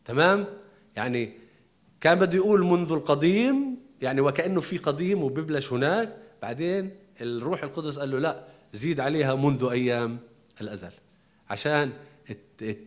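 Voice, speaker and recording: A man preaching a sermon, explaining emphatically with pauses and restarts. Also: a little high, animated.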